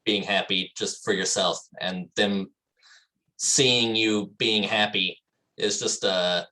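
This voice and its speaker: A man's voice: on the low side, steady tone, takes it slowly, sharp tone, poor audio. A man in a meditation class, sharing a thought and searching for words as he goes. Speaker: class participant. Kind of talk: sharing in a group discussion.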